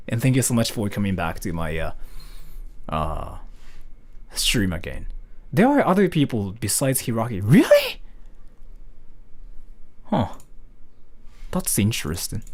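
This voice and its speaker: A young man from Japan, speaking English, chatting casually with viewers on a live stream, rambling and chuckling often. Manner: rambling, chuckling, lively swings in pitch.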